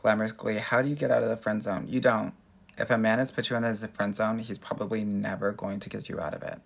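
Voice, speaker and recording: Sassy, girly-talking American man with creaky voice. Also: on the low side, little pitch movement, quick pace. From Los Angeles, United States. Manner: sassy, effusive, girly best-friend way of talking. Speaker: dating coach and livestream host. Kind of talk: casual livestream chat answering viewer questions.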